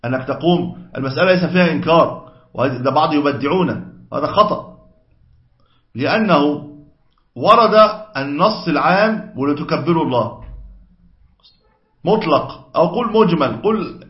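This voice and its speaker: A man's voice: fairly high pitch, expressive, moderate pace, pauses often. A man teaching a religious law lesson, explaining step by step and correcting his own wording as he goes, on a dull, echoey lo-fi recording. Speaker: sheikh teaching Islamic law. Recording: echoey room, dull lo-fi sound.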